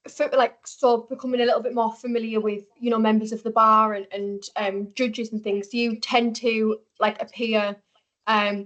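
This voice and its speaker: A woman's voice: mid-range voice, a bit bright, low-quality recording. A young woman hosting a casual podcast, chatty and informal, with frequent tag questions and filler likes. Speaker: podcast host.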